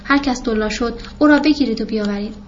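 A woman's voice: on the high side, lo-fi sound, slight background noise, natural voice. A woman voicing a commanding king of a folk tale who issues orders. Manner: authoritative, decreeing. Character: commanding old storybook king.

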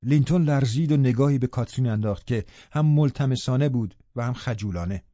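Man narrating a novel, mellow voice. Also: medium pitch, no room sound. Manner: measured, even storytelling. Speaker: audiobook narrator. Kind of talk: literary audiobook narration. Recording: dull lo-fi recording.

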